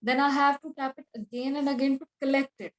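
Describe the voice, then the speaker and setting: High female voice, North Indian accent, polite, hesitant, student asking questions. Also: fairly even intonation, fast. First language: Hindi. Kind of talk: casual class discussion. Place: online group class call.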